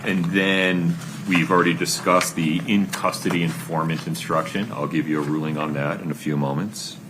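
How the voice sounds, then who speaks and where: A male judge with an extremely low, deep voice, speaking in a measured, deliberate way as he works through rulings. The sound comes from a courtroom recording, with steady background noise behind him. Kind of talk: courtroom proceedings.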